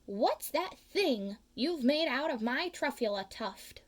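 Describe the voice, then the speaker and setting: A woman voicing a grumpy, secretive old hermit man with a lowered, hushed voice, read from a storybook. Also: animated, slow pace, exaggerated voice. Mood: eager, salesy.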